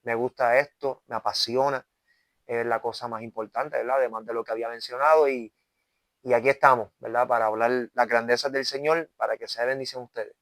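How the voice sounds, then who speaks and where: Here an evangelist from Puerto Rico, in his twenties, testifies during an interview in Puerto Rican-accented Spanish. He sounds earnest, keeps restarting and ending lines with "¿verdad?", and his medium-pitched voice is steady, a little fast, and slightly bright, with no room sound.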